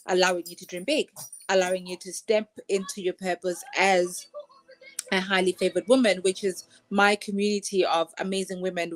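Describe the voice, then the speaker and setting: A woman life coach speaking from her sofa at home on a video call with headphones, earnest and motivational. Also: mid-range voice. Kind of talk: casual online panel chat.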